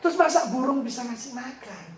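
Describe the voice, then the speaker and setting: Lively joking pastor in an echoey hall. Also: male voice, very high-pitched, a little fast. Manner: animated, joking storyteller who laughs often. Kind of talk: humorous sermon. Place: large hotel function hall. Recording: echoey hall, mic at a distance.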